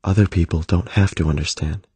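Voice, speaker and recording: A man voicing a gentle, thoughtful young prince in an audiobook, soft-spoken and reflective. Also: deep voice, fairly even intonation, a little fast, slightly rough, no echo. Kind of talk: audiobook character voice.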